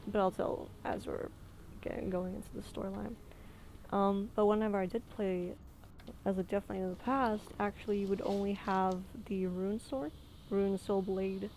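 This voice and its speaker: A woman's voice: mid-range voice, a little mellow, a little hiss or hum. A woman gaming host giving casual walkthrough commentary and reading quest text aloud. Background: game music.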